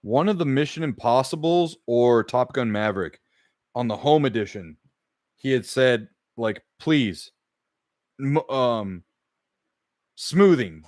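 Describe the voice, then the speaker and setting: A man's voice: medium pitch, animated, takes it slowly, long pauses, a little mellow, no echo, studio quality. A man co-hosting a gaming podcast, chatting casually, rambling and reading out chat comments with the odd swear word. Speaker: podcast co-host.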